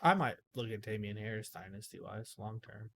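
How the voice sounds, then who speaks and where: A man's voice: on the low side, moderate pace, vocal fry, a bit bright, breathy edge. A man co-hosting a casual fantasy football podcast, rambling and correcting himself as he talks. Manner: rambling, self-correcting, filler-heavy. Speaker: podcast co-host.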